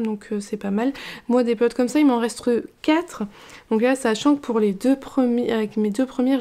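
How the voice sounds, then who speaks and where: A woman chatting casually as a knitting vlogger, relaxed and talkative, with frequent fillers and restarts. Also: on the high side. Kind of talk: casual chat.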